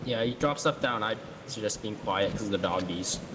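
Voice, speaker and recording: A man's voice: on the low side, moderate pace, background noise. A man chatting as a fellow player, trash-talking and teasing the others. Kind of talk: casual voice chat.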